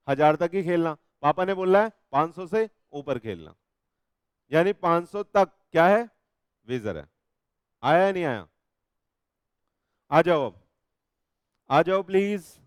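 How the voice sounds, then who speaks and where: A man with a high, smooth, resonant voice lectures on law. He keeps checking whether the class follows him and reads legal passages slowly. The sound is close and dry. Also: no echo. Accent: Hindi. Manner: animated, coaxing students with repeated checks. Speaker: law teacher.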